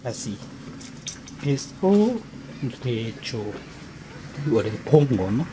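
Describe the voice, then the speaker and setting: Japanese-native man, slow hesitant broken Spanish, noisy kitchen recording. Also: mid-range voice, very animated. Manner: halting broken Spanish, searching for words and apologizing. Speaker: home cook. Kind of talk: casual cooking demonstration. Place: home kitchen.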